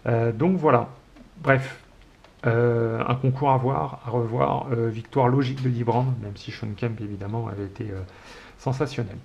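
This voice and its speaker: Speaking at a normal speed in a mid-range, slightly mellow and creaky voice, the host keeps a steady tone. He's a man from France in his forties running a casual one-man chat show, wandering nostalgically and affectionately with many hesitations. Faint hiss runs through the dull home recording.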